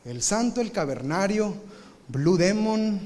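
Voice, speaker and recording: A male pastor preaching live in a big church, telling a lively story and punctuating it with shouted sound effects. His voice sits high for a man and carries a long hall reverb. It sounds like a recorded church service. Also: takes it slowly. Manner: animated, acts out scenes with shouted sound effects. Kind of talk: sermon with comic storytelling.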